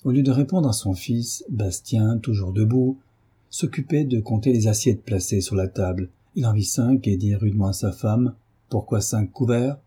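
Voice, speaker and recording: A man narrating a classic novel as an audiobook, reading in a measured, steady way. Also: lowish voice, breathy edge. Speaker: audiobook reader.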